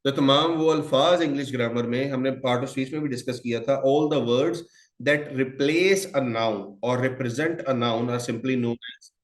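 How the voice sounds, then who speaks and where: This online exam-prep lecture features a man of medium pitch who takes it slowly as he explains English grammar in a mix of Hindi-Urdu and English. He calls the students children, quizzes them, and answers his own questions, and the audio is reverberant.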